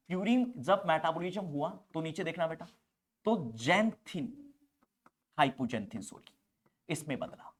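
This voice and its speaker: A young man teaching nursing pharmacology in Hindi slang, joking and acting out little dialogues, often shouting. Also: fairly high pitch. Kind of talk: animated classroom lecture.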